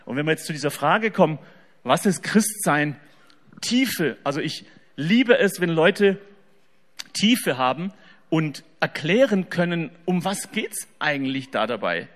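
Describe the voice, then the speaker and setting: A man giving a humorous faith talk to an audience, telling stories in an animated way that swings between loud and soft, in a reverberant hall. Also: a little high, a little slow.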